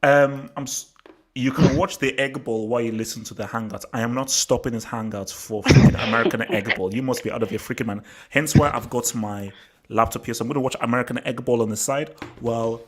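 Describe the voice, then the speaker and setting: A man hosting a live football hangout, lively and steering the talk, breaking in on his guests to move things along. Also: medium pitch, a little fast. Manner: animated, talks over guests to steer the discussion. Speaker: show host. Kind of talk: casual live hangout chat.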